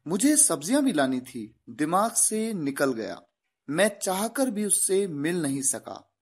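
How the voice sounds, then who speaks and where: Male English teacher, Indian English accent, slow, careful sentences, lively intonation, online lesson. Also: high voice. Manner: reads English sentences slowly and deliberately for learners; addresses viewers directly, encouraging. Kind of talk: online video lecture.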